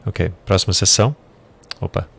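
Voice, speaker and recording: A man's voice: sits low, normal speed, gravelly, husky. A man teaching English vocabulary in a casual lesson, thinking aloud and correcting himself as he goes. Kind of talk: casual screen-share lesson.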